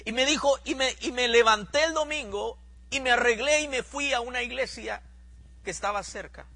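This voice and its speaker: Male preacher, high sharp voice, dramatic storyteller delivering a sermon testimony. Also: moderate pace, vocal fry.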